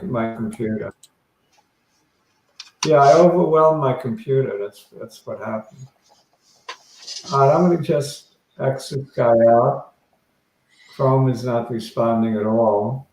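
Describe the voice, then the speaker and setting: A man's voice: mid-range voice, darkish tone, roomy sound, rough recording. A man co-hosting a casual stock chat over a video call, his audio choppy and breaking up as he repeats himself. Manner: halting, repeats himself and restarts. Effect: choppy, glitchy call audio that keeps breaking up. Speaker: stock talk show co-host.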